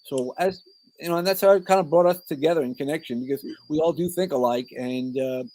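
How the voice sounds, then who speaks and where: This Brooklyn-born coach and speaker, middle-aged with a New York accent, talks fast in a somewhat high, mellow voice on a low-quality recording. Guesting on a podcast, he rambles through personal stories, frequently cutting himself off to put things another way.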